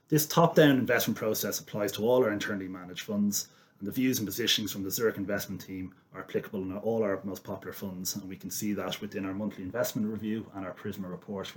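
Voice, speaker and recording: A man with a fairly deep voice talks as an expert guest on a finance podcast. His delivery is businesslike and measured, laid out as explanation.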